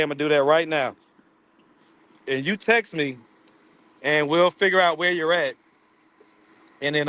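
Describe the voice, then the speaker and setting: A man's voice: fairly high pitch, sharp tone, no echo. A man, hosting a casual live stream from his phone, loose and playful, laughing often. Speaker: livestream host. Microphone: phone camera.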